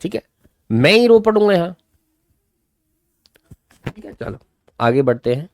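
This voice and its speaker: A young man teaching an online class, animatedly explaining an English story and slowly reading lines from it. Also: a little high, very animated, slight background noise.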